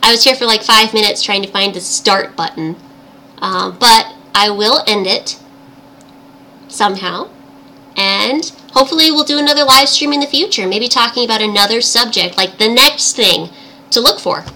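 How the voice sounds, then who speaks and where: This livestream host has a small, girlish, princess-like voice, fairly high with a sharp tone, at a normal pace. She's bubbly, giggly and chatty in a casual chat, though the audio is poor and has background noise.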